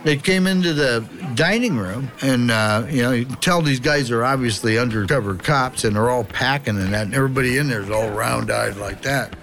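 A man's voice: mid-range voice, fairly quick, hardly any pauses, fairly bright tone. A man in an interview telling a story conversationally, blunt and colloquial, acting out what people said. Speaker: interviewee, former mission team leader. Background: faint music.

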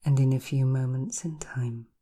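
A woman guiding a hypnosis relaxation, speaking softly in slow, repetitive suggestions and often half-whispering. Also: rumbling low, steady tone.

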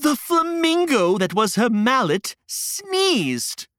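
An excitable storybook hedgehog, chatty and eager to jump in, played by a man. The voice leaps all over the scale and takes its time. It sits dry and close to the mic. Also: very high-pitched, slow, no echo, pitched above the performer's own voice, exaggerated voice. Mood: playful.

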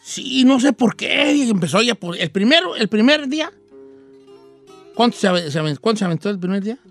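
A man's voice: high-pitched, lively intonation, fast talker, a bit bright, faint music behind. A man with a Mexican accent playing a folksy old rancher who hosts a radio show and tells a rambling, slangy joke, acting out voices and axe sounds. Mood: playful.

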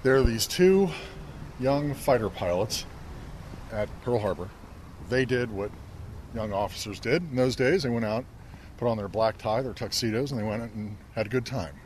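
A man telling stories in a relaxed, animated way while walking outdoors, pausing to read inscriptions aloud. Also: medium pitch. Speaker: interviewee, news colleague. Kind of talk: conversational storytelling on a walk. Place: outdoors at a cemetery. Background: faint traffic and planes overhead.

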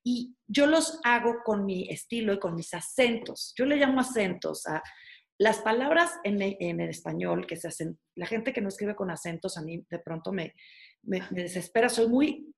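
A woman's voice: mid-range voice, expressive, normal speed, creaky. A woman chef in her forties telling her story in a casual interview, chatty, with many fillers and restarts.

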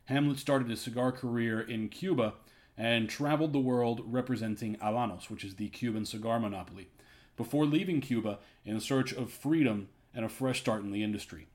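A man hosting a podcast and interviewing a guest, relaxed and slightly stumbling. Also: medium pitch, fairly quick. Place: cigar bar. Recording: busy bar crowd behind. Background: crowd chatter.

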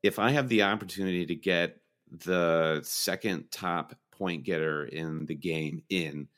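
Male podcast co-host, very deep voice, rambling and animated, casual fantasy football chat. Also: unhurried.

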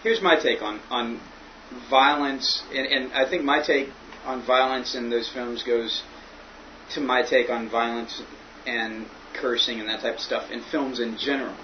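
A man's voice: medium pitch, steady tone, a little slow. A man co-hosting a podcast, giving his opinion earnestly and repeating words as he thinks. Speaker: podcast co-host. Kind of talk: casual podcast discussion. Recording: muffled lo-fi with faint hiss.

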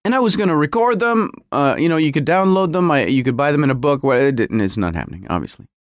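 A man's voice: fairly high pitch, lively intonation, quick pace, no echo, clean studio sound. A man hosting a casual solo podcast from his home garage, rambling wryly and often interrupting himself. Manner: self-interrupting, wry. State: feeling cold. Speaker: podcast host.

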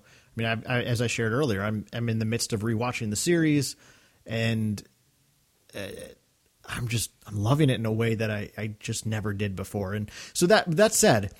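A man hosting a casual podcast, rambling with many fillers and restarts. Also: medium pitch. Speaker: podcast host.

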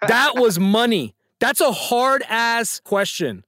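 Lively, playful male quiz host. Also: very high voice, slow pace, no echo, studio quality. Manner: upbeat, playful, teasing quizmaster. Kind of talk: casual podcast quiz banter.

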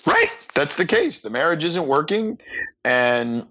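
Bright, forceful man talking sports. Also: fairly high pitch, huge pitch swings, measured pace, rough recording. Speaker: podcast guest. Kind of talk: casual sports commentary.

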